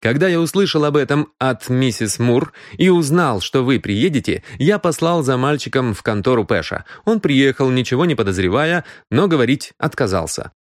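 A man voicing a brisk young man laying out what happened. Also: mid-range voice, animated, dry recording, studio quality, natural voice. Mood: matter-of-fact.

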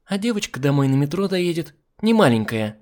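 A man's voice: on the high side, very animated, brisk, voice pushed up. A man doing a snappish scheming young woman. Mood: sharp, coaxing. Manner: sharp, snappish, falsely sweet.

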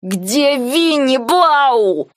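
A woman voicing a battered, furious young highland man who hisses and strains his words. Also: a little slow, no echo, studio quality, natural voice.

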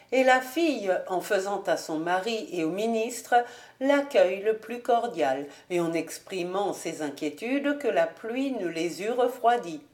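A woman's voice: medium pitch, a little mellow. Woman narrating a classic novel. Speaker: audiobook reader. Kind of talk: storybook narration.

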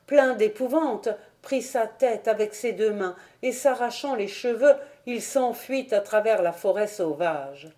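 A woman reading a legend aloud as an audiobook narrator, in a measured, expressive way. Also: mid-range voice. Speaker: audiobook reader.

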